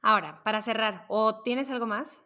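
A woman co-hosting a podcast in casual, lively chat about parenting, acting out quoted voices along the way. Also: on the high side, normal speed. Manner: lively, acts out quoted voices with big swings. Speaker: podcast co-host.

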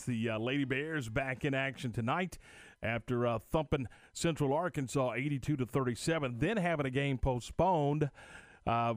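A man hosting live sports radio talk, conversational and halting as he works through his points. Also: mid-range voice, no room sound, studio quality. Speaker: sports radio show host.

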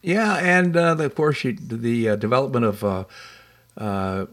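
A man's voice: medium pitch, moderate pace, fairly bright tone. A man hosting a talk show in a conversational style, discussing politics.

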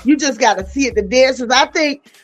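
A middle-aged woman hosting a podcast, chatting in a lively, expressive way and often laughing and exclaiming. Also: high voice, brisk. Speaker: podcast host. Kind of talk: casual chat.

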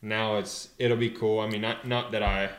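A young man and pro rider answering interview questions in a relaxed, hesitant way, full of fillers and restarts. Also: lowish voice, normal speed, reverberant. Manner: laid-back, hesitant, many fillers and restarts. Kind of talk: casual interview.

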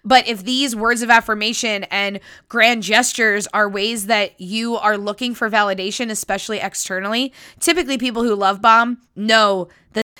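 A woman's voice: medium pitch, fairly even intonation, moderate pace, few pauses, pushed and bright, smooth, no room sound, studio quality. A woman hosting a chatty solo podcast in a casual, cheeky, sweary way, her voice nasal and congested as if she has a sniffly nose. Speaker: podcast host.

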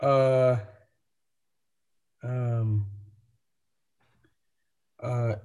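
Man, language student, video call, very slow, halting, hesitant. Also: mid-range voice, level tone, a little mellow, smooth. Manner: halting with many fillers. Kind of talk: hesitant beginner practice.

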